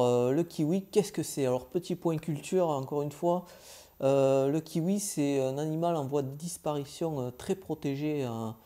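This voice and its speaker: A young man recapping his travels in a casual vlog, chatty and informal, pausing often on filler sounds. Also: medium pitch, mellow. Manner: hesitant, many filler "euh"s, chatty and informal. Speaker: travel vlogger.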